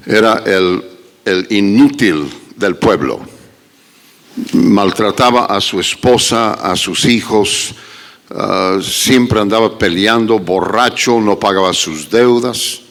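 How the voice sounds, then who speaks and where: Animated joking man preaching a sermon. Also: on the low side. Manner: animated, rhetorical questions, joking asides. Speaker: pastor and guest preacher. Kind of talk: humorous sermon. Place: church sanctuary at a conference. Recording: long reverb of a large church hall.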